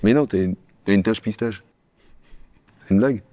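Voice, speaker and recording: Male sketch comedian, low register, rapid-fire bickering delivery, dry close sound. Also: mellow, no echo. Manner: quick, bickering back-and-forth between two characters.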